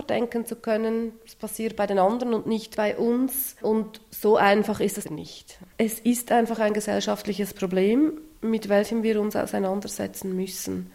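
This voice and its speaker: A woman's voice: mid-range voice, fairly even intonation, normal speed, gravelly, darkish tone. A woman social worker giving thoughtful, explanatory answers in an interview. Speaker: social worker, exhibition maker.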